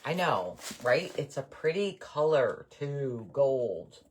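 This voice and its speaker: An older woman hosts a craft livestream, chatting and rambling happily with her viewers and getting enthusiastic about bargains. Her voice is extremely low and husky, very animated, and she takes her time.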